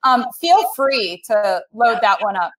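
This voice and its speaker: A woman's voice: fairly high pitch, big pitch swings, measured pace, a bit bright. A woman dietitian co-hosting a casual online cooking demo, chatty, with many fillers and restarts, speaking over a video call. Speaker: dietitian co-host.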